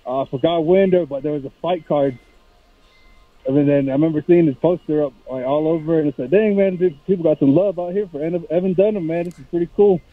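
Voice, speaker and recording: Caller on the phone, male, talks in a rambling, halting way full of fillers, line thin and phone-like. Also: a little high, no echo. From Navajo Nation, Arizona. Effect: over the phone. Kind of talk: casual call-in chat. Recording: tinny phone line, dry.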